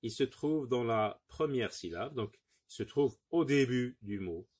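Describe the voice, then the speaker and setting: A man's voice: medium pitch, lively intonation, darkish tone, husky. A man teaching a phonics lesson to young pupils, patiently sounding out words syllable by syllable and encouraging the class. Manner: repeats words slowly, syllable by syllable.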